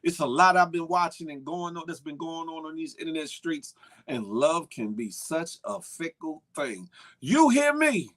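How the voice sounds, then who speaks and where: Speaking at normal speed, this man has a slightly high voice with big pitch swings. On his casual live-stream talk show, he lively names viewers aloud and chats loosely, repeating catchphrases.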